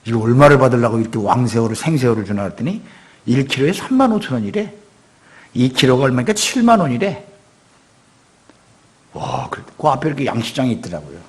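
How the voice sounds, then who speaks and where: A middle-aged man preaching a sermon as pastor, talking conversationally and acting out quotes with sudden loud outbursts. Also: medium pitch, very animated, fairly quick, long pauses. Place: church sanctuary.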